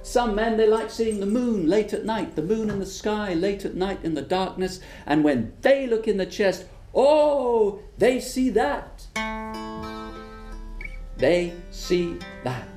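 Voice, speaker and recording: A storyteller telling a folk tale with a lively, lilting voice that rises and falls widely. Key words are drawn out and trail off softly. The room is echoey, with a faint guitar behind. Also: medium pitch, slow pace.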